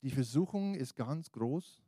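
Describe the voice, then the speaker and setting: A man's voice: mid-range voice, expressive, measured pace, dark tone, dry recording, studio quality. A man with an American accent, a native English speaker, preaching an informal evangelical sermon, exhorting listeners directly in colloquial words. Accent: American accent in German. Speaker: preacher, pastor.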